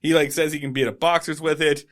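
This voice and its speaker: Quick and on the high side, this podcast co-host runs through an episode of an old sitcom in a laid-back show. His recap is lively and full of jokes and side comments.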